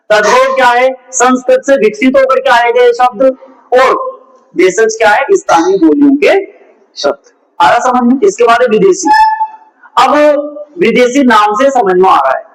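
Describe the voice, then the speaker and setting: A man's voice: sits high, poor audio. A man giving a grammar lesson, repeating points and asking his students rhetorical questions. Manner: repetitive, asks rhetorical questions. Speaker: Hindi teacher. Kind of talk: classroom-style grammar lesson.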